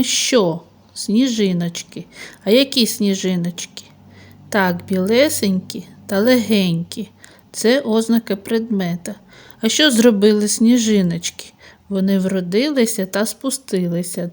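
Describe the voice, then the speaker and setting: A woman kindergarten teacher with a Ukrainian accent gives a recorded lesson to small children. She speaks slowly and patiently, asking questions and answering them herself. Her voice sits at a middle pitch. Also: a little mellow.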